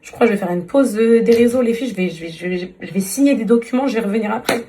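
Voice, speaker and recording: Speaking rapid-fire in a dark, medium-pitched voice, this woman is heard over a faint hiss or hum. The social media influencer vents repetitively and with exasperation to her followers while chatting through a beauty tutorial.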